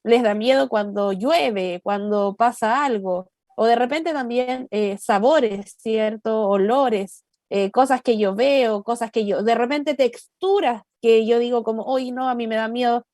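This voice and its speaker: A woman's voice: on the high side, measured pace, hardly any pauses, darkish tone, dry recording, studio quality. A woman with a Chilean accent co-hosting a church talk show, answering respectfully and thoughtfully with many hesitations. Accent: Chilean Spanish. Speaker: co-host.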